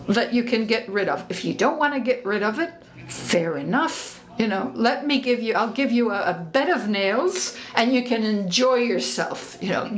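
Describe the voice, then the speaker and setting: A woman speaks from a conference stage, giving a motivational talk. Her voice sits a little high, and she keeps it light and humorous, teasing the audience with rhetorical questions.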